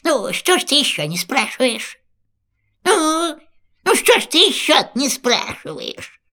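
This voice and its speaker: A woman's voice: very animated, a bit bright, full character voice. A woman voicing a capricious old forest witch in an audio fairy tale, drawling and swinging her voice up and down. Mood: menacing. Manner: slow, drawn-out, sweeping pitch.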